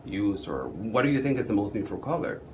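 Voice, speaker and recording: Animated man giving a makeup lesson. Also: on the low side, fairly quick, a little hiss or hum. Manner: animated, chatty, asks the viewer questions. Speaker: makeup artist. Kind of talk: on-camera makeup demonstration.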